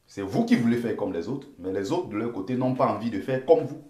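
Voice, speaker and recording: An emphatic man with a Bamileke Cameroonian accent, hammering his points home and repeating phrases as he comments on a live stream. His voice sits at an ordinary middle pitch. It is recorded in a roomy space with a noticeable echo. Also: lively intonation, brisk, warm tone. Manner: emphatic, repetitive, pleads with viewers.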